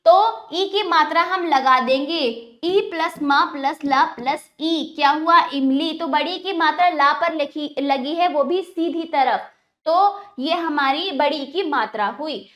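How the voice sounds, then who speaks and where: A woman with a high, light voice gives a lesson to young children. She is patient and clear, and she stretches each example word out and repeats it so the class can follow. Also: fairly bright tone. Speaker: teacher.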